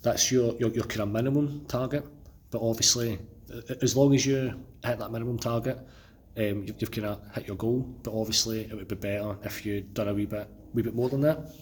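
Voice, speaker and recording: A Scottish man who is under the weather, talking casually and haltingly as a solo podcast host, often repeating words as he goes. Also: lowish voice, fairly even intonation, darkish tone, a little hiss or hum. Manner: halting, stammering repetitions. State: feeling unwell, under the weather. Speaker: podcast host and personal trainer.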